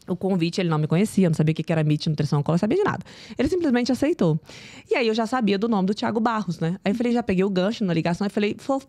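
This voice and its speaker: A woman, a nutritionist guest on a podcast, telling a story in animated casual chat and acting out the dialogue. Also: mid-range voice, no room sound. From Brazil. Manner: animated, acts out quoted dialogue.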